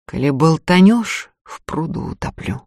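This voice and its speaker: A woman reading aloud voices a stern, bold young peasant woman who speaks in a flat, calm, hushed way. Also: low-pitched, a little slow, breathy edge, no echo, studio quality, full character voice. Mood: threatening.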